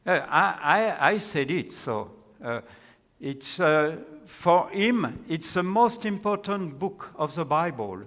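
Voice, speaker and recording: Male academic lecturer, French accent, fairly high voice, unhurried halting delivery. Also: expressive, fairly bright tone. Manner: deliberate, halting phrasing. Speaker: academic presenting a paper. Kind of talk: scholarly lecture and question answering. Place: large hall with an audience. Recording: echoey hall with long reverb.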